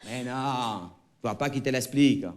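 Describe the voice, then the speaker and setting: A man voicing an excited middle-aged southern mother with a Marseille accent, calling out shrilly. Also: mid-range voice, moderate pace, voice pushed down, natural voice. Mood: explaining.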